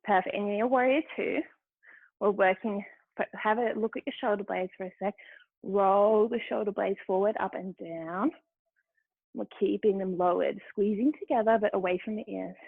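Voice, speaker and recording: A yoga instructor guides her class with short, encouraging cues for each movement, speaking at a normal pace in a steady, creaky, mid-range voice. The sound is tinny and phone-like, completely dry with no echo.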